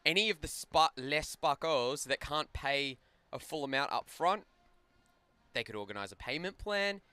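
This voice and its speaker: A man calls a live ice hockey game in a chatty, joking manner, trading banter with his partner. His voice is bright and crisp, sitting a little high for a man, and the sound is close and dry with no room around it. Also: expressive, normal speed, dry recording. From Australia. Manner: chatty, banters and laughs often. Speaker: play-by-play commentator.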